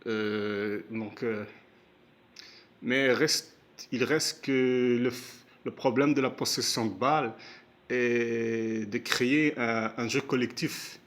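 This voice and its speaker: Slow, hesitant man. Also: mid-range voice, fairly even intonation, a bit bright. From Canada, Montreal area. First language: Moroccan heritage; first language not stated. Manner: hesitant, many filler sounds and restarts. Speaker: amateur football commentator. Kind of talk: casual spoken match analysis.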